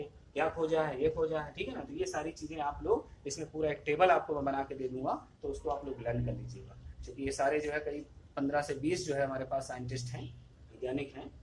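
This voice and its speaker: A man teaches physics in a recorded lesson, with a slightly high voice. He goes over each point several times and asks questions that he answers himself. There is a faint hiss of noise behind him. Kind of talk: classroom lesson video.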